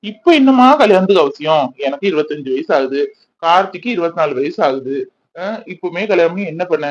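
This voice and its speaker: A man's voice: on the high side, expressive, brisk, muffled recording. Man voicing a sarcastic, grumbling young son. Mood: dismissive. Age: 20s. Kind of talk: cartoon voice acting.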